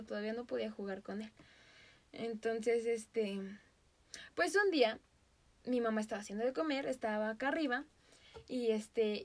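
A woman with a Mexican Spanish accent, hosting a podcast and telling a story in a casual, animated way, often breaking into laughter. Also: a little high. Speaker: podcast host.

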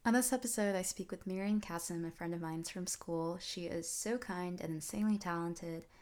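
A young woman hosts a podcast, chatting casually with a friend over a video call and laughing often. Her lowish, darkish voice moves at a moderate pace.

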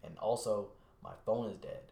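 A man's voice: normal speed, gravelly. Laid-back young man telling a story. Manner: relaxed, swearing, acts out quotes in a low mumble. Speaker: podcast host. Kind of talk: casual storytelling chat. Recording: echoey room.

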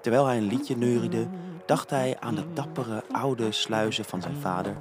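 A man narrating a children's storybook in an expressive, lively reading. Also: mid-range voice, normal speed, over music.

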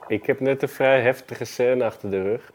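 A middle-aged man speaks in an agitated, pleading way, his pitch climbing as he recounts events. His voice sits at an ordinary pitch for a man. It sounds like a documentary interview. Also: moderate pace. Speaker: father seeking access to his son. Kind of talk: documentary interview and phone call.

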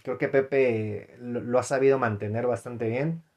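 A young adult man with a Mexican accent talks casually to his podcast listeners. His voice sits at a middle pitch. He rambles, restarts his sentences and drops in slang and fillers as he thinks aloud. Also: steady tone, unhurried, darkish tone. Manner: rambling, frequent fillers and self-corrections, slangy. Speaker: podcast host. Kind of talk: casual solo podcast commentary.

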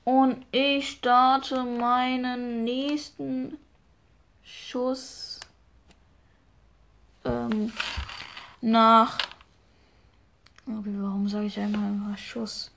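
A woman's voice: a little high, flat delivery, very slow, gravelly, pauses often, a bit bright, a little hiss or hum. A woman calling out moves in a casual board game, hesitant and humming while she thinks. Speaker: player recording a board game.

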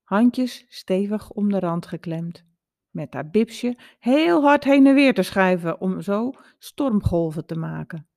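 A woman in her fifties reading aloud a personal story in a calm, wry storytelling manner. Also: mid-range voice, takes it slowly, gravelly. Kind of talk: read-aloud personal narrative.

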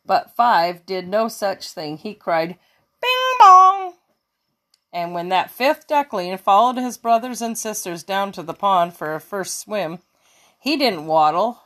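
Slow, expressive woman reading a storybook. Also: mid-range voice. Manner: slow, expressive storytelling with small self-corrections. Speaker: children's story reader. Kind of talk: reading a picture book aloud.

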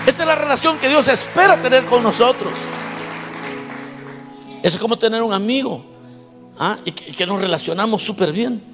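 A man's voice: very high-pitched, moderate pace, long pauses, fairly bright tone. A man preaching a sermon in an emphatic way, asking his congregation questions as he goes. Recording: long hall reverb with faint music.

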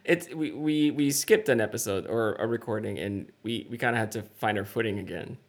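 A man's voice: lowish voice, a little fast. A man co-hosting a podcast in casual chat, laughing often and restarting his sentences. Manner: laughing, stammering restarts, playful. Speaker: podcast co-host.

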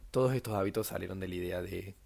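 Young Argentine man, solo podcast host; fairly low voice, chatty, self-deprecating, pitch leaps when excited. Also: fast talker, vocal fry. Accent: Rioplatense Spanish. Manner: chatty, self-mocking, animated jumps in pitch. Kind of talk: casual solo podcast monologue.

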